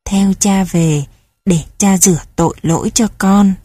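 A woman reading a calm robed priest. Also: mid-range voice, unhurried, slightly rough, no echo, studio quality. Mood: coaxing.

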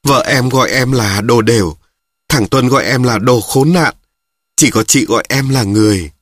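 Guy reading a rough old cart driver, blunt and crude, slow gruff husky voice, dry sound. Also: medium pitch, a bit bright, no echo, natural voice. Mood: tearful.

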